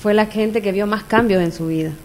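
A woman with an Argentine Spanish accent speaks briskly in a mid-range, slightly mellow voice, with a little hiss or hum present. As a mother, she shares her personal experience in an open, earnest, conversational way.

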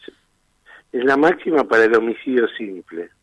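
A man's voice: medium pitch, expressive, normal speed, a bit bright, dry recording, rough recording. A man with an Argentine Spanish accent, a defense lawyer arguing his case insistently in a radio interview, firing off rhetorical questions.

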